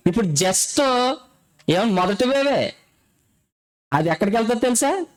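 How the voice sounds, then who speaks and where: A man preaching a sermon. He fires off rhetorical questions, repeats phrases for emphasis, and moves between quick explanation and slow, drawn-out scripture reading. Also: high-pitched, sing-song, poor audio.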